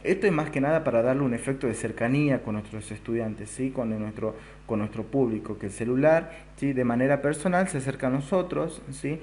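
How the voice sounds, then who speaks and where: A man teaching a recorded video lesson, explaining step by step and often checking in with a quick "¿sí?". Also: mid-range voice, darkish tone. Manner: explanatory, keeps adding a checking "¿sí?". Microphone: close to the recording device.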